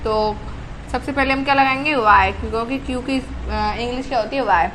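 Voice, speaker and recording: A woman, her voice sitting high, walks through a grammar lesson. She fires off questions and answers them herself, catching and fixing her own slips. A faint background noise runs under her voice. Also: moderate pace, a bit bright, low-quality recording. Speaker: English grammar teacher. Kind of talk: classroom-style grammar lesson.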